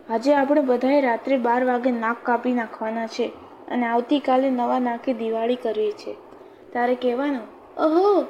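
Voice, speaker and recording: A woman voicing a scheming middle-aged Brahmin man in a storybook tale, speaking slowly and coaxingly. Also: high-pitched, dark tone, slight background noise, lightly acted, rough recording.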